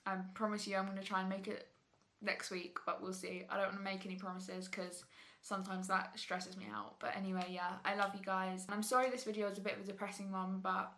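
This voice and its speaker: A teenage girl talks to her viewers in a loose, rambling sit-down vlog recorded in her bedroom. Her voice is bright and clear, sitting at an ordinary middle pitch for a young woman. She fills her sentences with "like" and "you know" as she chats. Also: level tone, a little fast, slight background noise. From England. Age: teens. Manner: rambling, chatty, lots of "like". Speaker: YouTuber. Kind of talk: casual sit-down vlog chat.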